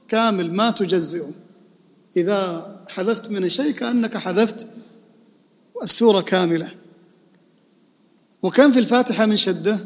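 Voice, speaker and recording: A man with a high-pitched voice gives a religious lesson. He repeats key words and poses questions to his listeners, then answers them himself. His voice rings with the long reverb of a large hall. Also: fairly bright tone. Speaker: religious teacher.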